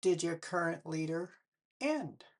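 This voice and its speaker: In a lowish, expressive, unhurried voice, an older woman offers direct-to-camera political commentary. She peppers her audience with pointed, sarcastic rhetorical questions.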